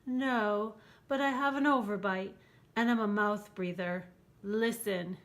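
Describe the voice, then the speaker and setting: A woman voicing a mild, bookish male monster from a storybook, breathy and politely earnest. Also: measured pace, natural voice. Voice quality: low, breathy.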